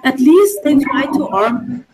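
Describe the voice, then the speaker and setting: A woman's voice: high-pitched, lively intonation, takes it slowly, darkish tone, low-quality recording. A woman scientist explains her research to a webinar audience in an enthusiastic, informal way, with fillers. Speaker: scientist guest.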